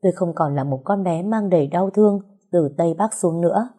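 A woman's voice: on the low side, brisk, mellow. A woman reading a novel aloud in the first person, reflective and emotional. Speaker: audiobook narrator. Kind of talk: first-person storybook narration.

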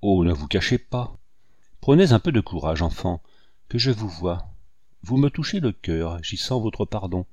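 Low mellow man reading poetry. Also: lively intonation, no echo. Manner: tender, measured, with dramatic swells. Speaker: audiobook reader.

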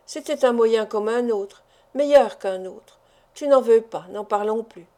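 A woman's voice: on the high side, unhurried, dark tone, close to an everyday voice. A woman reading the lines of a grown man, an anxious and suspicious doctor who presses his wife with questions. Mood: yielding.

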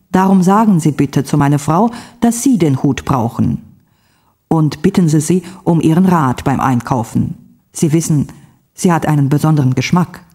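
A woman reading the part of a gentle, scheming husband who coaxes and reassures. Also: low voice, breathy edge. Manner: coaxing, reassuring.

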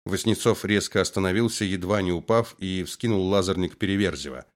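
Low guy reading an audiobook, brisk action narration. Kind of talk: scripted narration.

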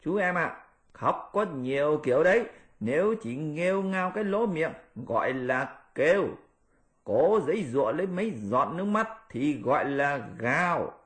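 A man voicing a boastful, mischievous male monkey king with a shrill, bossy, teasing manner in an audiobook. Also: animated, unhurried, fairly bright tone. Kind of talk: audiobook character voice.

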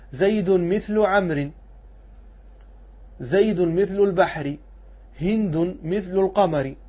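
A male scholar teaches a class, posing questions and answering them himself while drawing out his examples slowly. His voice is husky and of middle pitch. The recording is dull and lo-fi. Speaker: Islamic scholar teaching rhetoric. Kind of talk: classroom lesson explaining a poem.

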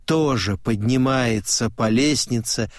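A man reading a literary novel aloud in calm, measured audiobook narration. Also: medium pitch, no room sound, clean studio sound. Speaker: audiobook reader.

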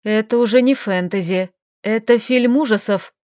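Shrill frantic young woman, as a female reader puts her on. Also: normal speed, darkish tone, dry recording, studio quality, natural voice. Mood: panicked. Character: panicky young woman facing monster flowers.

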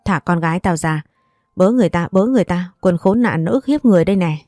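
A woman's voice: lowish voice, animated, fast, dark tone, no echo, studio quality, soft background music, close to an everyday voice. A woman voicing a fierce, protective middle-aged mother who scolds bluntly in a storybook reading. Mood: angry.

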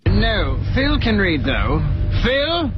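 An actor voicing a dazed, indifferent male cartoon monkey who speaks flatly and spaces his words out one by one, heard as a muffled film clip. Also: sits high, extremely slow, breathy edge, dry recording, soft background music, full character voice. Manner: flat, puzzled delivery, words spaced out one by one.

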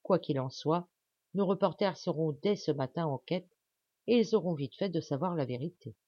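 A woman narrating an audiobook with measured, even storytelling. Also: low-pitched, no echo, highs cut off. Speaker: audiobook reader.

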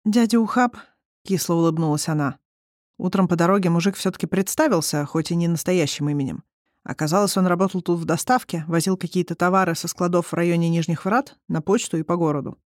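An audiobook narrator reading a novel chapter in an even storytelling manner. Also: medium pitch, fast talker, no room sound, clean studio sound. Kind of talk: scripted narration.

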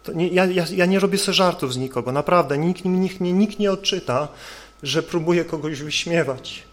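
A man's voice: on the high side, normal speed. A male preacher delivering an earnest sermon, building his points with rhetorical questions.

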